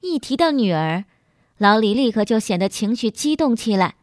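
A woman narrating a scripted story in a lively, expressive way. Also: on the high side, normal speed, dry recording, studio quality.

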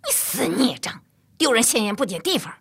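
A woman voicing a quick-tempered young widowed mother in a storybook, scolding in a shrill, lively voice. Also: exaggerated voice. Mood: scornful. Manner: scolding, shrill when angry.

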